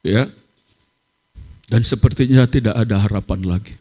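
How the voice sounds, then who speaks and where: In a large, echoey church hall, a man delivers a sermon testimony in a slightly rough, dark, fairly low voice at a normal speed. He tells an emotional story and frequently calls out to the congregation.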